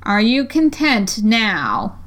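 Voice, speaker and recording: A woman voicing a stern male caterpillar who smokes a hookah, with a slow, drawling, curt delivery. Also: a little high, sing-song, a bit bright, exaggerated voice. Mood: disapproving.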